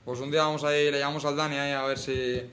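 A man's voice: fairly high pitch, little pitch movement, racing, a bit bright, slight background noise. A man hosting a show and leading jokes, laughing and encouraging. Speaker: host. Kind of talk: casual chat.

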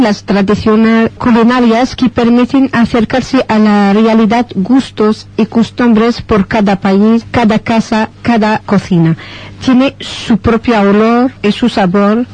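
A woman's voice: a little high, fairly even intonation, measured pace, darkish tone, rough recording. A woman, a radio guest presenting her country, partly from prepared remarks. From Algeria. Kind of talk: radio interview.

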